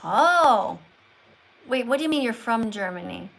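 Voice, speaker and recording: A woman runs a live call-in stream about veganism, her voice a little high, animated, somewhat slow, gravelly and slightly bright. She teaches through short, emphatic statements and probing questions, pressing callers with follow-ups.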